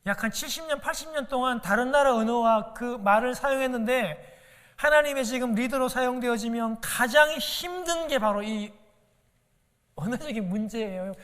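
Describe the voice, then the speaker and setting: A man delivers a Sunday sermon in a strikingly high voice, earnest and direct, constantly calling out to his congregation. His words ring out with a long reverb from the church sanctuary. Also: normal speed, a bit bright. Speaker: pastor.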